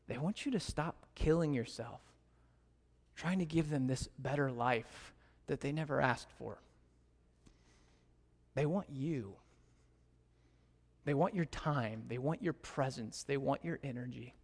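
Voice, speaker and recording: A man with an American accent preaching a sermon as a pastor, telling stories with big animated swings in pitch. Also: a little slow, long pauses, breathy edge. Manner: animated storytelling, pitch leaping high in anecdotes. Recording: long reverb of a large hall.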